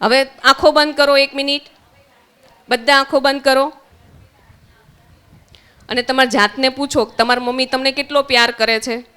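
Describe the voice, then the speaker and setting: A woman's voice: high-pitched, fairly even intonation, normal speed, pauses often, sharp tone, smooth. A woman with a Gujarati accent, teaching young children at a summer camp, asking them questions and answering them herself. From Gujarat, India.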